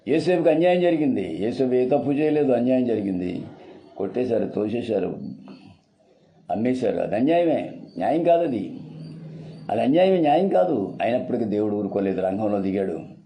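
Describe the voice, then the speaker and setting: A man's voice: on the low side, expressive, a little fast, warm tone, rough recording. A man preaching a sermon in an earnest, repetitive, urgent style.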